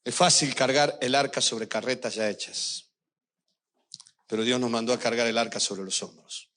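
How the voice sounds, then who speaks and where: An older man preaches a sermon as a pastor, his voice medium in pitch, steady, moderately paced and slightly bright. He tells personal stories with emotion and speaks directly to his congregation.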